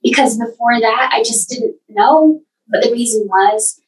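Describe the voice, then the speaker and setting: A woman guest telling her personal story earnestly, with halting restarts. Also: fairly high pitch, recorded from a distance, poor audio. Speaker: podcast guest.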